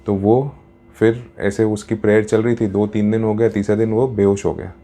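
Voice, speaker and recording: Low, mellow-voiced male storyteller. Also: flat delivery, normal speed. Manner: chatty, mixes in English words. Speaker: storyteller and happiness coach. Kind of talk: casual storytelling.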